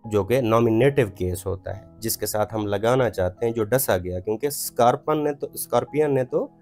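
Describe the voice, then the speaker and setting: A man teaching an English grammar lesson, explaining in Urdu-Hindi and reading English example sentences slowly. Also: lowish voice, darkish tone, soft background music. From Pakistan.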